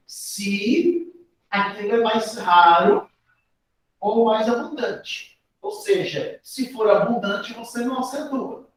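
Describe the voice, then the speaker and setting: A man with a Brazilian accent teaching a grammar lesson for an exam, explaining step by step and often adding tag questions. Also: very high-pitched. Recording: very echoey room, voice from a distance.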